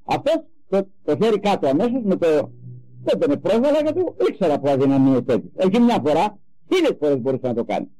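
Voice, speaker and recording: An older man giving a religious talk, telling personal stories with animated emphasis. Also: on the high side, rough recording. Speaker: religious speaker. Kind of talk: sermon with personal anecdotes.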